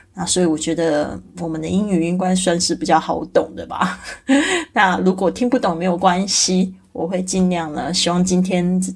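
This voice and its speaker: A woman's voice: on the low side, gravelly, husky. A woman podcast host giving a chatty intro monologue with many filler particles.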